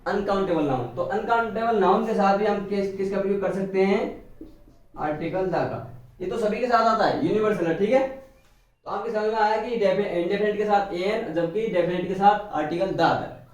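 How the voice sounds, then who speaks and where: A man's voice: high-pitched, normal speed. A man teaching English grammar, who keeps asking questions and answering them himself. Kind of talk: classroom lecture. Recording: very echoey room, voice from a distance.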